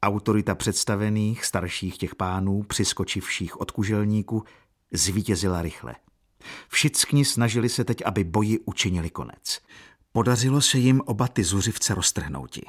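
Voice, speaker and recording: A man narrating a classic novel in a measured, expressive audiobook reading. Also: fairly low pitch.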